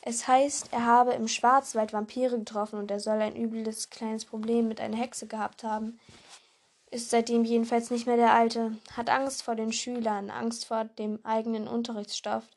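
Woman doing a gruff hearty giant man. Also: a little high, level tone, normal speed. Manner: blunt, drops words. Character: big gruff good-natured male giant.

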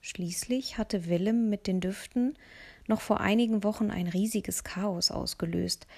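A woman narrating a children's novel in the first person, with soft, lively storytelling. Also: medium pitch, measured pace, husky. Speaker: audiobook narrator.

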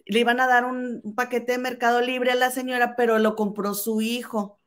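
Mexican woman, podcast co-host, animated gossip storyteller. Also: a little high, moderate pace. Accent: Mexican Spanish. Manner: animated storyteller, acts out quoted voices. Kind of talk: casual gossip chat.

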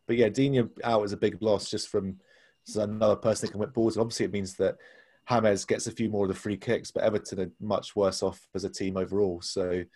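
A man's voice: lowish voice, level tone, brisk, darkish tone. A man discussing football casually as a podcast co-host, explaining his points analytically.

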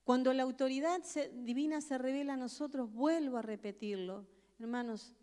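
A woman's voice: sits high, moderate pace, mellow. A woman preacher, giving an earnest sermon full of emphatic rhetorical questions. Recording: long reverb of a large hall.

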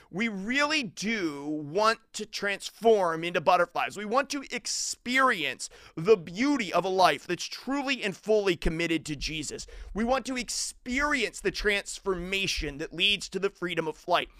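A man preaching a sermon, animated and conversational, who acts out quoted voices with rising volume. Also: sits high, dry recording, studio quality.

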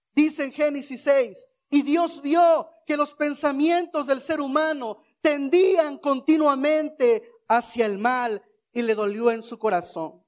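A man preaching a sermon, asking rhetorical questions and leading the congregation in shouted responses. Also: very high voice.

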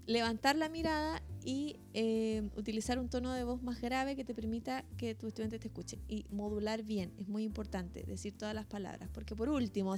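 A woman with a Chilean accent, a teacher explaining voice technique step by step in an emphatic, animated casual chat. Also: a little high. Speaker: teacher and voice coach.

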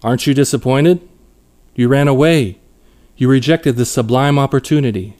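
A man voicing a grandiose male cult leader who speaks slowly and solemnly, like a preacher. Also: mid-range voice, a little mellow, lightly acted.

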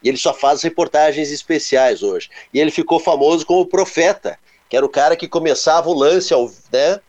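A man, co-hosting a casual show and telling stories in an animated way with sound-effect words. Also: fairly high pitch, fairly quick. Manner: animated, onomatopoeic storytelling. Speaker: co-host. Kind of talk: casual storytelling chat.

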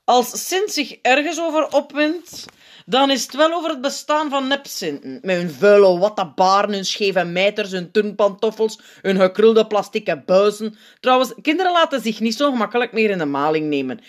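Lady reading as a bossy stern head elf, loud and high, snaps at everyone, storybook voice. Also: animated, moderate pace. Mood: irritated. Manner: loud, commanding, irritable. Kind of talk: audiobook character reading.

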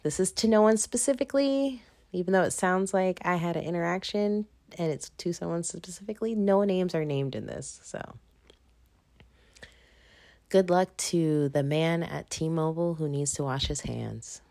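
A woman with a low voice hosts her podcast alone at home late at night, talking into a phone. She sounds tired and rambles casually, keeping her voice hushed and sometimes dropping to a half-whisper. The sound is dry and close. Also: moderate pace, vocal fry, few pauses, no echo. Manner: rambling and chatty, laughs at herself; half-whispering at times to keep quiet. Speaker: podcast host. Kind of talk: casual solo podcast monologue.

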